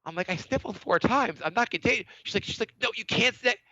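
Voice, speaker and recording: Here a man with a high-pitched, creaky voice talks at a quick pace while co-hosting a podcast. Mildly congested from a cold, he tells a story casually and animatedly acts out other people's words in a raised voice, and the audio is dull with no echo.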